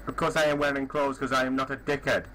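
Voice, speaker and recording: A man's voice: medium pitch, level tone, quick pace, bright, forceful tone, slight background noise, pitched below the performer's own voice, natural voice. A man putting on a bragging tough guy with a fake Indian accent. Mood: taunting. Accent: Indian (put on). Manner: aggressive, taunting, bragging. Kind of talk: prank call over voice chat.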